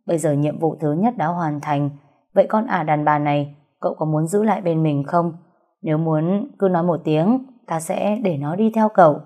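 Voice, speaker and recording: Jovial male gang boss in an audiobook, low and warm; female narrator plays him. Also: normal speed. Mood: pleased. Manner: pleased, hearty. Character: older male gang leader, jovial and commanding.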